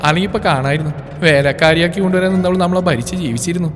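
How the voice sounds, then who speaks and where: A man's voice: on the high side, racing, pitched above the performer's own voice, close to an everyday voice. Guy doing a smug catty aunt, raised voice, reverb and music. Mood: scornful. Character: smug sharp-tongued younger aunt.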